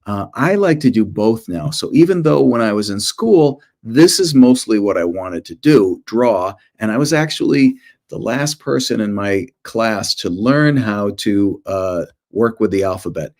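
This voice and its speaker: Presenting to students, a children's author and illustrator talks informally at a measured pace in a lowish voice. He tells stories in an animated way and pokes fun at himself.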